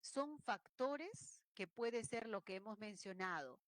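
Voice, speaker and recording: A woman teaching an online language lesson explains her points and acts out examples of regional speech. Her mid-range voice is expressive and unhurried, with no room sound.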